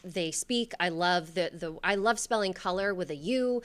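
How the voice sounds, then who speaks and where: A woman's voice: fairly low pitch, normal speed. A woman hosting an author interview, enthusiastic and affirming as she asks questions. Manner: enthusiastic, frequent affirming murmurs. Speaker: host. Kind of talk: interview host.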